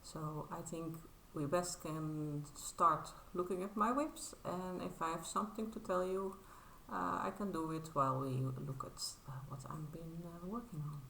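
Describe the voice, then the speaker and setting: On her casual show-and-tell crafting vlog, a Dutch woman in her thirties speaks English in a low, gravelly, steady voice that's bright yet slightly tense. Modest and apologetic, she hesitates often, using filler sounds and restarting sentences, while an echoey room adds a faint ambient hum.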